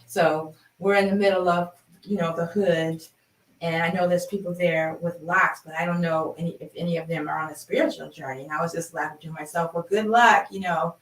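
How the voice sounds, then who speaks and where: Chatty storyteller, woman in her fifties, animated delivery; distant mic, reverberant room. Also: on the low side, brisk. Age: 50s. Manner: chatty, animated, laughs while telling. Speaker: sound healing host. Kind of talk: personal storytelling. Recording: roomy, from a distance.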